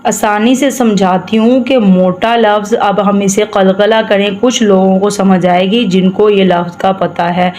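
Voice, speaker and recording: A woman from Pakistan teaching Quran recitation, patiently chanting each word slowly and then explaining quickly. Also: mid-range voice, fairly even intonation, a little mellow, slight background noise. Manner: slow drawn-out recitation alternating with quick explanation. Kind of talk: tajweed recitation lesson.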